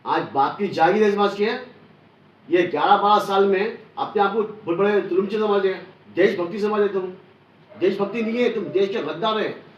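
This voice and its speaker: A man delivering an angry, combative political rant, forceful and repetitive. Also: sits high, moderate pace, muffled recording. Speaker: online news commentator. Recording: echoey room, distant from mic.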